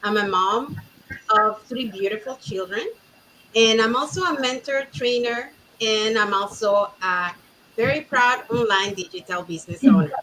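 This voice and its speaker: A woman's voice: fairly high pitch, measured pace, sharp tone, slight background noise, low-quality recording. A woman from Panama hosting an online panel, giving upbeat, welcoming introductions. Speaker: webinar host.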